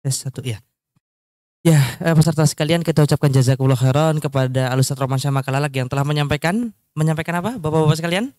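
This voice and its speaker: Brisk male moderator. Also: fairly high pitch, a little mellow, no echo, studio quality. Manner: brisk, friendly announcer. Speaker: session moderator.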